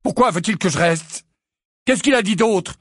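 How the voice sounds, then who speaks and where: A man voicing an impatient, angry teenage boy in an audiobook, with sharp outbursts. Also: sits high, normal speed, husky, no room sound, studio quality, voice pushed up. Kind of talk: audiobook character voice.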